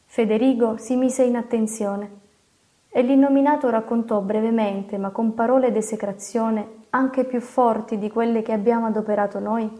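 A woman narrates a classic novel in a steady, expressive reading. Her voice sits slightly high yet sounds warm and mellow. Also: normal speed. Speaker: audiobook narrator.

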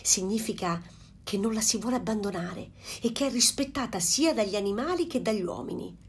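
Storybook mother duck voiced by a woman, fussy, motherly, scolding, husky edge. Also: mid-range voice, animated, fairly quick. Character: fussy proud mother duck, adult female.

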